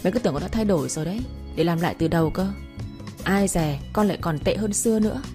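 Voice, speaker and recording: A woman's voice: lowish voice, fast talker, dark tone, faint music behind, lightly acted. A woman voicing a scheming stepmother. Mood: scornful. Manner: scornful, fake-sweet. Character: scheming two-faced young stepmother.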